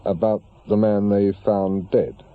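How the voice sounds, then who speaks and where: In a naturalistic British radio drama, a man plays a wry, bitter, middle-aged English private investigator and ex-policeman who talks in a dry, grumbling, colloquial way. His lowish voice is close to everyday speech, measured and fairly even. The recording is muffled, with clear background noise.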